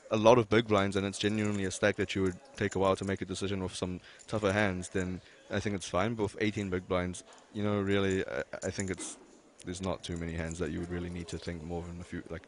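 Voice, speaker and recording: A man's voice: low-pitched, little pitch movement, fast talker, few pauses, a little hiss or hum. A man giving expert poker commentary, hedging his points with lots of fillers and restarts. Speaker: poker analyst.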